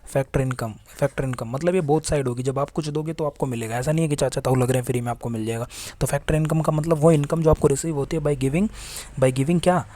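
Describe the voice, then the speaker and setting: Chatty male teacher, mellow dry voice. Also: medium pitch, steady tone, fast talker, no room sound. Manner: chatty, asks and answers his own questions, voices imagined students. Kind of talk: casual Hindi classroom lecture.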